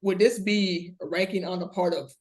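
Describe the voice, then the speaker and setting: A man co-hosting a casual sports podcast, hesitant and measured with many fillers. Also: high-pitched, fairly even intonation. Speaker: podcast co-host.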